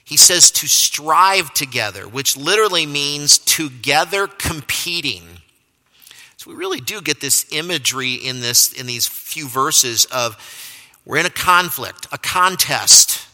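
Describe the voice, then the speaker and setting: A man's voice: a little high, lively intonation, a little slow, sharp tone. A man preaching a sermon, telling a self-deprecating personal story and chuckling at himself. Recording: long reverb of a large hall.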